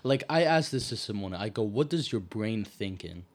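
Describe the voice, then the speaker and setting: A man co-hosting a podcast, asking questions in a chatty, halting way. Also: fairly low pitch, animated. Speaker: podcast co-host. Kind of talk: casual podcast chat.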